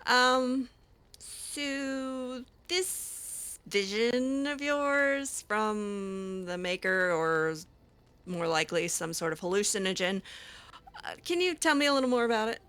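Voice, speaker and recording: Taking it slowly, a woman with a slightly high, expressive and somewhat bright voice chats in character while roleplaying over a video game. She comes across as wry and hesitant, leaning on frequent ums.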